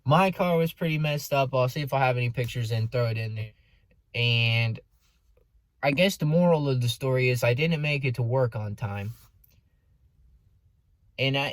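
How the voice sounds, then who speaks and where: A young adult American vlogger tells a personal story from inside a car, speaking casually with dramatic emphasis and sarcastic asides. His voice is medium in pitch, and there's no room sound.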